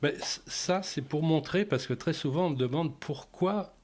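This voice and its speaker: A man as a guest in a radio interview, telling anecdotes in a hesitant way with many pauses and fillers. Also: on the high side.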